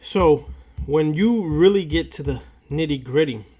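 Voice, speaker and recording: Preaching on esoteric matters, this occult lecturer has a fairly high, expressive voice with a warm tone. He speaks in slow, deliberate, halting phrases, leaving long pauses and returning to key lines to drive them home.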